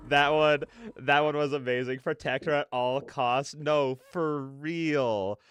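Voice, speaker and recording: A man hosts a reaction video, rambling through casual, excited commentary that repeats itself and stammers for emphasis. His fairly high voice is slow and smooth, with no echo.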